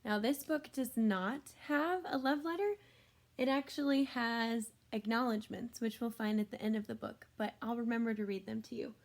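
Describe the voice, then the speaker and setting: At a moderate pace, a woman teacher gives an expressive read-aloud of a picture book for kids. Her voice is on the higher side, and she keeps things chatty, explaining as she goes and talking straight to her listeners.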